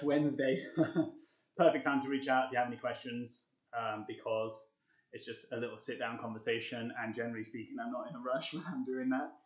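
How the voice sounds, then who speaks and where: A young man talks his viewers through push-ups on a live stream, chatty and upbeat, still catching his breath between sets. His voice sits at an ordinary middle pitch. The room around him is bare and echoey. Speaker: fitness coach. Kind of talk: live-streamed workout tutorial.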